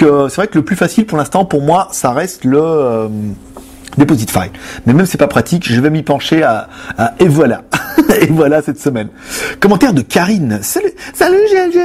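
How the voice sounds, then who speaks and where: A man's voice: a little high, darkish tone. A young adult man hosting a loose, joking chat where he answers viewer questions. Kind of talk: casual chat.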